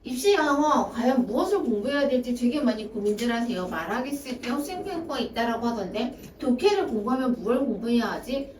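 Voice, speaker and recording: Woman lecturing parents, fairly high voice, echoey room, heard from a distance. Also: animated, a little fast, hardly any pauses, darkish tone. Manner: explains by acting out students' excuses. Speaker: academy director. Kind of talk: parent information session talk. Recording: echoey room, voice from far off, faint hiss.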